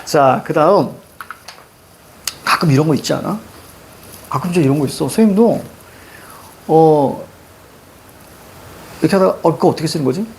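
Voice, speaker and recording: Brief: woman teacher, classroom lecture, gravelly voice, casual and jokey, slow verse reading. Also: low voice, a little mellow, slight background noise. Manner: chatty, jokey, reads verse slowly. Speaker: Korean literature teacher.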